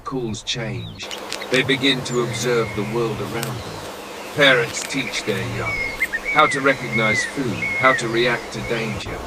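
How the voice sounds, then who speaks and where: A man reading scripted nature documentary narration in a solemn, dramatic manner, with short measured phrases and weighted pauses. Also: lowish voice, very noisy. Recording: loud nature ambience of birds and insects.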